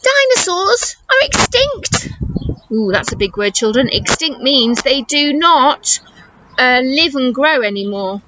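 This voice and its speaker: In a high voice and at a slightly slow pace, a woman teacher reads a picture book expressively to small children, breaking off to explain parts and ask them questions in an animated storytime. The recording is muffled, with background noise.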